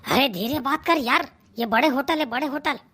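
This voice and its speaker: A voice actor playing a calm village friend in a cartoon comedy, soothing and coaxing in a Chhattisgarhi accent. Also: high voice, normal speed, slight background noise. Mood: pleading.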